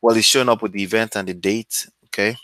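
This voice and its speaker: A Nigerian man hosting a real estate channel talks fast in a steady, pushed, bright voice on the low side, keeping it casual to camera with a screen share. His Nigerian English is sprinkled with check-ins of "okay?", and the audio has no echo.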